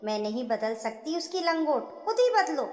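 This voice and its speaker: A woman's voice: sits high, big pitch swings, normal speed, darkish tone. A woman voicing a harsh, bossy middle-aged mother-in-law who scolds sharply and irritably. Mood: angry. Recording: echoey room with long reverb.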